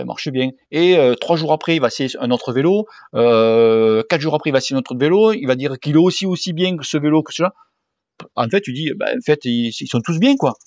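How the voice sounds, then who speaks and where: A man's voice: medium pitch, a little mellow, dry recording. A man in his forties with a regional French accent, answering viewer questions in a casual vlog, blunt and slangy and swearing freely. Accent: French, southern regional. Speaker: cycling YouTuber and sports coach. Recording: dull dry home recording.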